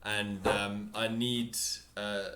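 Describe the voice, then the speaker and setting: Slow, halting male game master, echoing room. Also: on the low side, flat delivery, bright, forceful tone. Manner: halting, searching for words, repeats phrases. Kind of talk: improvised tabletop game narration. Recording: roomy, echoing home recording.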